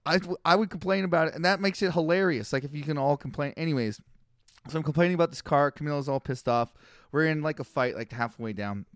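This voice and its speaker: A young man rambles through a story on a casual podcast, griping about everything with a deadpan edge. His voice is smooth and resonant, a little high for a man. The sound is close and dry. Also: quick pace, dry recording. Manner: complaining storyteller, deadpan gripes. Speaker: podcast co-host.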